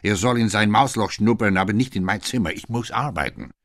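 A man's voice: fairly low pitch, a little fast, fairly bright tone, no echo, studio quality. A man voicing a brusque older director in an audiobook reading, a character who muddles his articles. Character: elderly male director, brusque, mixes up articles.

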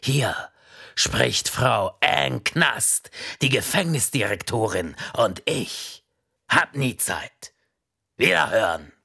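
A man's voice: sing-song, slow, vocal fry, pushed and bright, husky, heavily acted. A man voicing an impatient, stern female prison director, snapping and barking her lines. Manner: snapping, barking, shrill outbursts.

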